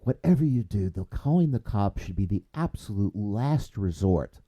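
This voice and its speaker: Low, dark-voiced male podcast host. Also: very animated. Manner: halting, many restarts and fillers, rising when signing off. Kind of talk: casual conversational podcast.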